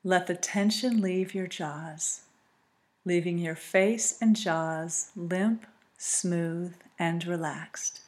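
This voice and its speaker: Slow, soothing woman guiding relaxation. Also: lowish voice. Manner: calm, soothing, slow with long pauses. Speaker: relaxation guide. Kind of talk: scripted guided relaxation narration.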